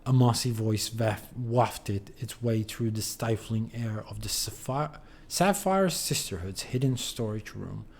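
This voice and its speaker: A man's voice: lowish voice, a little slow, creaky, hardly any pauses, a little mellow, slightly rough. A man streaming a game, reading in-game books aloud with wry, amused asides.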